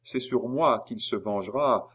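A man voicing a stoic, polite young captive boy who speaks calmly. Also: mid-range voice, a little slow, slightly rough, voice pushed up. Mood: dignified.

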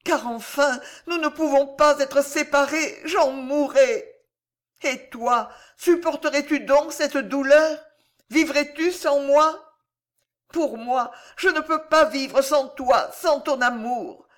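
A woman's voice: high voice, takes it slowly, voice pushed up. A woman reading an audiobook, voicing a passionate young noblewoman in a heightened, tremulous way. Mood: pleading passion.

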